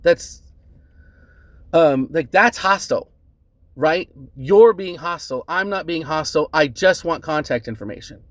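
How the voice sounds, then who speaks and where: A man calmly recounting a bad encounter as a customer, earnest and measured, often adding "right?" and "um". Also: fairly high pitch, no room sound. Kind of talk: casual spoken account to camera.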